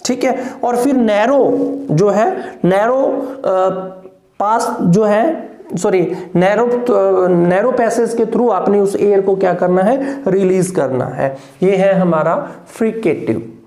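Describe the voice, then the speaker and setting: A man teaching English phonetics in a patient, repetitive lesson, modelling each sound and often checking whether it is clear. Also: sits high, slow pace, warm tone, soft background music. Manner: patient, repeats sounds, keeps asking "clear?". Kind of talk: classroom lesson explaining consonant sounds. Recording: echoey room.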